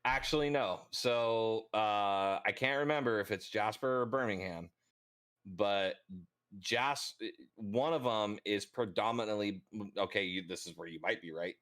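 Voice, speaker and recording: A man's voice: lowish voice, measured pace, a bit bright. A young man talking casually in a podcast chat, laid-back and profane, with lots of ums and rambling asides.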